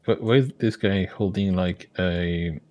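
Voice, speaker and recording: Teasing, low-voiced male gamer. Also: steady tone, measured pace, darkish tone. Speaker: player on stream. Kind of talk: casual game stream chat.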